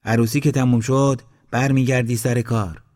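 A man's voice: mid-range voice, fairly even intonation, a little mellow, pitched above the performer's own voice, close to an everyday voice. A man voicing a second young village messenger who coaxes in a raised voice in a storybook reading. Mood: coaxing. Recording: long hall reverb.

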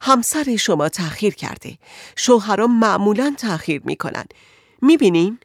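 Woman voicing a patient male doctor, measured, reassuring, slightly lower voice, dry recording. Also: very animated, no room sound. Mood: soothing.

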